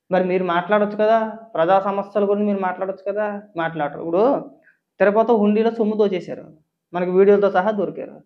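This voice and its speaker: Fast, high-voiced indignant male commentator. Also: lo-fi sound. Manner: fires rhetorical questions, sarcastic and indignant. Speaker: political commentator. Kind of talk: political commentary rant.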